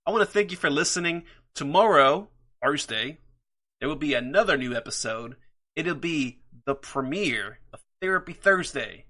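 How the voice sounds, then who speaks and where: A man hosts his own podcast, enthusiastically and somewhat ramblingly going through his comic book picks with plenty of filler words. His voice sits on the high side, animated and bright with a pushed quality, at a normal pace.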